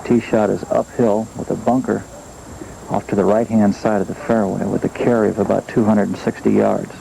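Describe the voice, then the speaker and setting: A man's voice: lowish voice, flat delivery, normal speed, vocal fry. A man working as a golf commentator, describing holes and shots in live television coverage. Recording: noisy old outdoor TV broadcast. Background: outdoor ambient noise.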